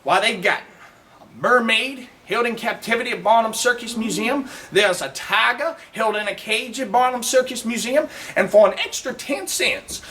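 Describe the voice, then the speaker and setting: A man's voice: extremely high pitch, a bit bright. A Southern-accented man performs first-person living history, telling a folksy yarn with teasing asides to the crowd. His voice swoops widely up and down as he spins the tale. He is recorded outdoors from some distance, with faint ambient noise behind him. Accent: Southern American. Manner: folksy, teasing, drawn-out delivery with audience asides.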